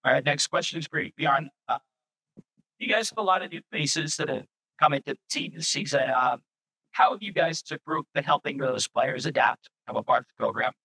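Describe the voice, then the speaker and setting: A man acting as interviewer, putting questions to players and coach in a brisk, to-the-point way. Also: a little high, bright, forceful tone, husky, rough recording.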